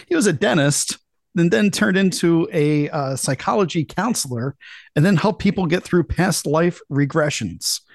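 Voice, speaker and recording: A man's voice: on the high side, vocal fry, no room sound, studio quality. Chatty talk-show host man. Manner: chatty, sarcastic asides. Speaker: podcast host. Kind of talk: casual talk-show hosting.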